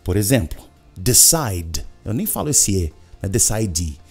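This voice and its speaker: A Brazilian man teaching English in an energetic video lesson, with a Brazilian Portuguese accent, repeating words over and over as drills. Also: deep voice, unhurried, slightly rough, soft background music.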